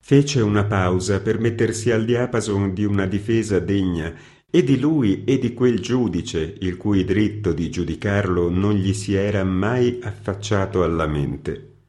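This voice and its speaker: A man narrating a classic short story in a measured, even manner. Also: on the low side. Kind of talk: scripted audiobook narration.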